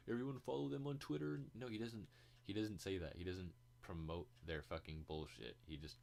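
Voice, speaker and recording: Man, podcast host, deep low voice, casual rambling talk, hesitant, swears a lot.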